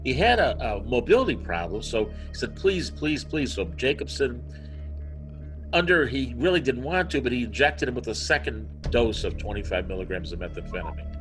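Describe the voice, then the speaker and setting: A man's voice: medium pitch, a little fast, soft background music, low-quality recording. A man who is a guest author, telling a story animatedly over a video call. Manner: animated storyteller, acts out quotes. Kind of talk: conversational storytelling.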